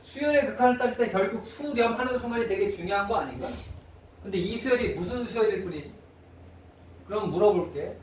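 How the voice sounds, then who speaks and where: A man teaching a math lesson in a classroom, constantly checking in with his students with quick questions. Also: high-pitched, animated. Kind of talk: classroom lecture. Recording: echoey room, mic far off, faint noise.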